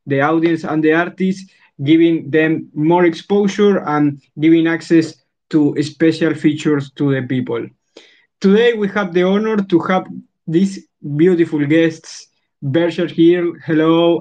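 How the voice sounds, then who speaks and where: A man's voice: on the high side, darkish tone. A man hosting an online talk, greeting guests eagerly and repeating phrases as he goes. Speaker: host. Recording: lo-fi online call audio.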